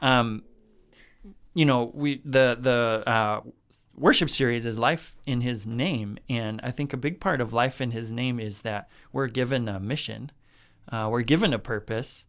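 Smooth-voiced man pastor, thoughtful. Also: mid-range voice, measured pace, a bit bright. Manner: thoughtful, filler-laden. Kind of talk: casual podcast discussion.

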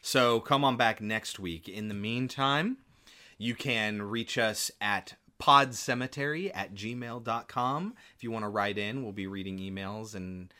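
Male film-podcast co-host: forward, bright tone, informal and keen, conversational. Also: fairly low pitch, measured pace. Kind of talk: casual film review chat.

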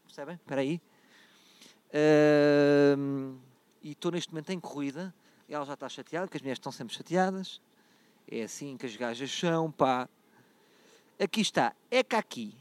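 A Portuguese podcast host with a European Portuguese accent and a slightly high voice playfully reads phrases in a mock-Italian voice on his comic show. He's out and about travelling, and the sound has no echo.

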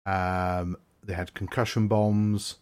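A man's voice: low-pitched, flat delivery, slow pace, darkish tone, clear, resonant tone. A man co-hosting a casual podcast, chatty and stammering into restarts. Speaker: podcast co-host. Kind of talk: casual chat.

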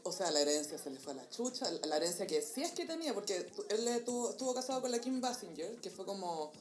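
A woman with a Chilean accent co-hosting a podcast, telling celebrity gossip in an animated, slangy way. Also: mid-range voice, quick pace, reverberant. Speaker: podcast co-host. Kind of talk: casual gossip chat.

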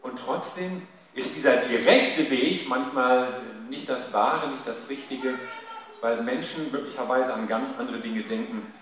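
A man giving a sermon, telling a Bible story in a lively way and shouting out the quoted cries. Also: mid-range voice. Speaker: preacher. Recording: echoey hall, mic at a distance.

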